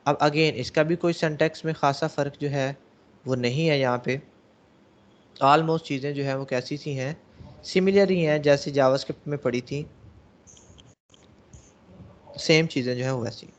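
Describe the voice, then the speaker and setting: A man's voice: a little high, steady tone, moderate pace, pauses often. A male programming teacher giving a classroom lecture, explaining step by step and answering his own questions to the class. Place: classroom with students.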